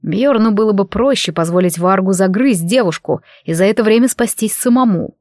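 A woman reading a fantasy audiobook aloud in steady scripted narration. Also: medium pitch, a little fast, dry recording, studio quality.

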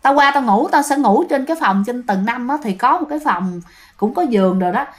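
A woman's voice: a little high, lively intonation, brisk, lightly acted. A woman putting on a brash, scoffing boss lady. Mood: scoffing, bossy. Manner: loud, brash, dismissive. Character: bossy middle-aged woman clinic owner, scoffing.

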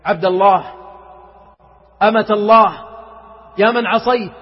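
High-voiced preacher in an echoing hall. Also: male voice, fairly even intonation, moderate pace, husky. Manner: dramatic, rises to impassioned pleading; chants Quran verses melodically. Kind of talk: emotional sermon with storytelling. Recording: muffled recording with long hall reverb.

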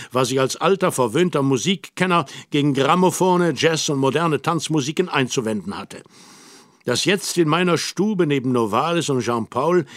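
A man calmly narrating a literary audiobook in a measured, storytelling manner. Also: a little high, dry recording, clean studio sound.

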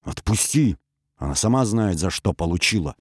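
A man voicing a drunk, furious army major who growls, shouts and hisses threats, in a raised, louder voice. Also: deep voice, big pitch swings, normal speed, breathy edge, no room sound, studio quality, heavily acted. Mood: snarling.

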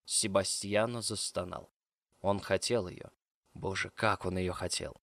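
A man reading audiobook narration in a steady, even way. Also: low-pitched, a little slow, gravelly, no room sound, studio quality. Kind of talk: scripted narration.

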